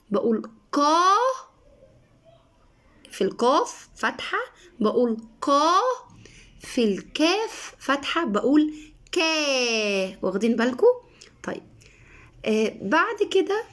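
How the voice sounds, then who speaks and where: A woman with an Egyptian accent teaching letters to children, stretching and repeating each syllable. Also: a little high. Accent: Egyptian Arabic. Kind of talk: reading lesson for children.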